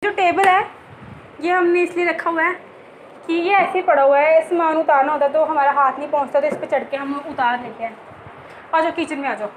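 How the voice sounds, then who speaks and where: A woman's voice: high-pitched, steady tone, brisk, reverberant, slight background noise, poor audio. A young woman giving a casual home tour, chatty and joking, talking straight to her viewers. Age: young adult. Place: rooms of a home, indoors.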